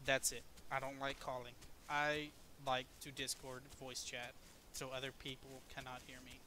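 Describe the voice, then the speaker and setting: A man talks over his own gameplay, walking the viewer through how things work one step at a time. His voice sits at a middling pitch with a bright, forward edge. He stays laid-back and swears freely as he explains. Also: monotone, normal speed, a little hiss or hum. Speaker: gaming video host. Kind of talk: casual gameplay commentary.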